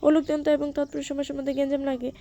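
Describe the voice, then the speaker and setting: A woman's voice: sits high, little pitch movement, rapid-fire, mellow. A woman tutoring for an exam, asking questions and answering them herself, and having listeners repeat after her. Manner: drilling, asks and answers her own questions. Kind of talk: exam-prep lesson.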